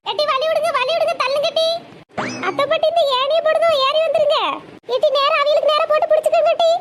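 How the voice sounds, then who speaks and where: A shrill bossy village woman. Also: fairly even intonation, quick pace, heavy background noise. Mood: urgent, bossy. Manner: bossy, hollering orders. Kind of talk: cartoon voice acting.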